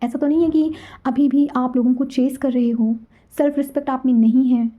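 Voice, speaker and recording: A woman with a high voice shares a personal story and gives advice in a casual, chatty way. She keeps checking in with her listeners and slips English words in as she talks. The recording sounds dull and lo-fi. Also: fairly even intonation, brisk. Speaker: twin flame spiritual channel host.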